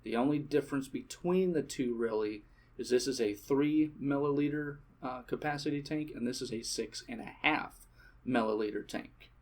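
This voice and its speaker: A man giving a relaxed product demonstration, talking casually with frequent fillers and self-corrections. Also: mid-range voice, moderate pace. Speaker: shop presenter.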